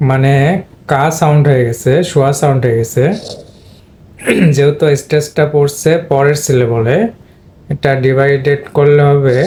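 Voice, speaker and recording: Here a man whose first language is Bengali teaches English pronunciation in a flat, mid-range voice. Speaking straight to his viewers, he breaks things down one step at a time, with the occasional throat-clearing.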